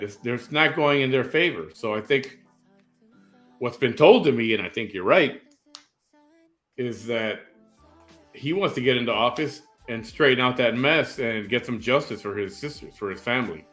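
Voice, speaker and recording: Hosting a live-stream chat show, a Chicago man in his fifties rambles, jokes and offers opinions while reading out viewer comments. His medium-pitched, fairly bright voice has lively intonation and a moderate pace. Soft music plays in the background.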